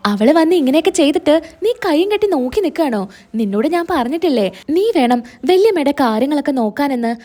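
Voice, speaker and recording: A woman's voice: high-pitched, animated, a little fast, mellow, faint music behind. A woman voicing a scheming middle-aged father who pushes his daughter with insistent orders. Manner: pushy, insistent.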